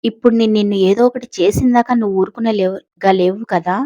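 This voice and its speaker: A man's voice: high voice, fairly even intonation, quick pace, dark tone, dry recording, muffled recording, lightly acted. A woman voicing a confident young man who talks playfully and reassuringly, in a Telugu audio story. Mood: teasing.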